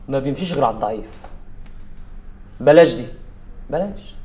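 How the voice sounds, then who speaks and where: ممثل يؤدي شاب ساخر متهكم بلهجة مصرية. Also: male voice, mid-range voice, warm tone, lightly acted. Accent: Egyptian Arabic. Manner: taunting, sarcastic, mock-soothing. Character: cocky mocking young man torturing a police officer. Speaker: taunting captor.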